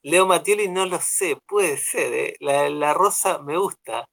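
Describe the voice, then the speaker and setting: Young Argentine man, radio co-host, slightly high voice, rambling, filler-heavy casual chat. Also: unhurried, creaky. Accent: Argentine Spanish. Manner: rambling, relaxed, many fillers.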